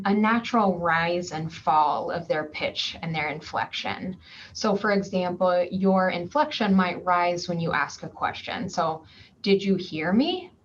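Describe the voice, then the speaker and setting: Woman explaining patiently on a dull call. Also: mid-range voice. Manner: clear, patient explaining with frequent ums and worked examples. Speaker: clinician presenting at a conference session. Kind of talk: explanatory conference talk. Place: home or office, remote virtual session. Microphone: computer mic on a video call. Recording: slightly dull virtual-conference audio with faint background noise.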